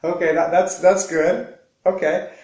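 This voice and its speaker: A man's voice: high-pitched, steady tone, a little slow, a little mellow, reverberant, rough recording. A man hosting a casual chat as an English teacher, curious and asking follow-up questions. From United States. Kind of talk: casual conversation.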